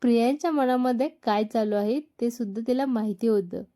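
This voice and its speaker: A woman narrating a romantic story in a calm, measured storytelling manner. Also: fairly high pitch.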